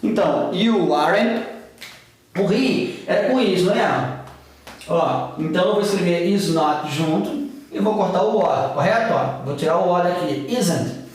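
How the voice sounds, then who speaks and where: Man, Brazilian accent, English teacher, chatty, checks in often, fairly high voice, very echoey room. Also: lively intonation, a little slow. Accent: Brazilian Portuguese. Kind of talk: explaining grammar at a whiteboard.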